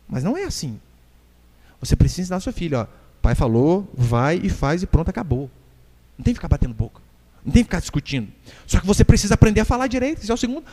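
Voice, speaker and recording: A man's voice: on the high side, darkish tone. A man with a Brazilian Portuguese accent preaching a sermon as pastor, emphatic and acting out little dialogues. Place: church hall. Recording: reverberant church hall.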